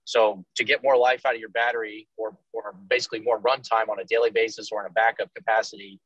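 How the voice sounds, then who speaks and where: A man's voice: fairly low pitch, flat delivery, fast talker, a bit bright, no echo, highs cut off. A man on a video call stepping in to answer an audience question, explaining directly. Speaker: company staff answering chat questions. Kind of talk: webinar explanation.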